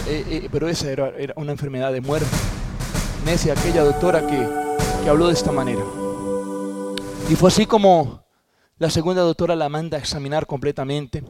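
A man, a pastor telling a personal testimony in a sermon in an earnest, halting way. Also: a little high, a little mellow. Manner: earnest storytelling, with halting restarts.

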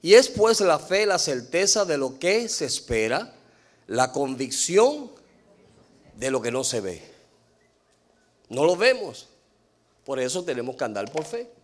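A man preaching a sermon, asking the congregation questions and answering them himself, slowing down to stress key words. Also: fairly high pitch, very animated. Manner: mixes in English fillers.

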